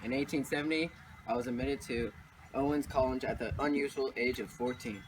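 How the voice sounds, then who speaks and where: A man's voice: medium pitch, noisy background, lightly acted. A man playing a formal English physicist. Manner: formal, slow recital. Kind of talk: school project role-play.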